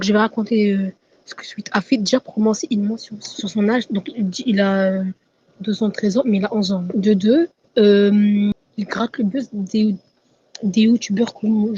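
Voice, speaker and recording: A young woman giving a halting, stammering testimony over a dull, lo-fi mic. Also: medium pitch, dark tone, slight background noise. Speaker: testimony giver.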